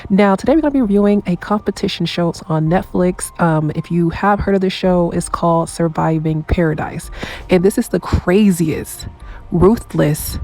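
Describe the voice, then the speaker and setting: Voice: medium pitch, fairly quick, hardly any pauses, a little mellow, faint music behind, low-quality recording. A chatty reviewer who is congested from a cold, rambling casually through a show review with plenty of fillers. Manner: rambling, conversational, lots of fillers.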